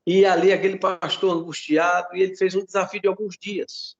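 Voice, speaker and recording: Preaching fervently, a Brazilian pastor retells a testimony in his sermon, repeating words and calling out to listeners as brothers. His voice sits high with a flat delivery, a little fast and fried, on a lo-fi recording.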